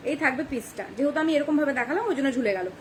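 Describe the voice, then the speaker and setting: A young woman with a high voice delivers a fast, chatty live-stream sales pitch recorded on a phone camera, repeatedly checking "ঠিক আছে?". There's a little hiss or hum on the audio.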